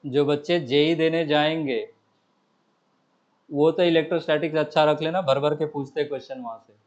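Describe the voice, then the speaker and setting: A physics teacher, a man with a high voice, lectures a classroom, putting questions to his students and answering them himself. He keeps checking whether they follow. The recording is dull and lo-fi. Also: steady tone, normal speed, a little mellow. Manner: coaxing, repeatedly checks understanding.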